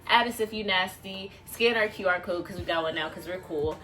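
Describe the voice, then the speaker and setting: A woman's voice: on the low side, fairly quick, pushed and bright, rough recording. A woman co-hosting a podcast in casual chat, wry and teasing, slipping into mock sign-offs. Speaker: podcast co-host.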